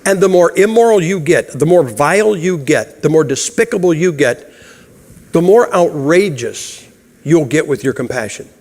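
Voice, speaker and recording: A man's voice: on the high side, expressive, moderate pace, a little mellow. A man preaching a sermon in a church, blunt and emphatic, chuckling through his stories. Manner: humorous, chuckles through anecdotes. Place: church sanctuary. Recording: long hall reverb.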